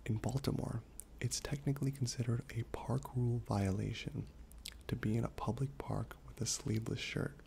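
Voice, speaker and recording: A man speaking in a soft, breathy half-whisper, gently reading trivia aloud in an ASMR style while chewing gum. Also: mid-range voice, steady tone, normal speed, slight background noise. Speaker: ASMR host.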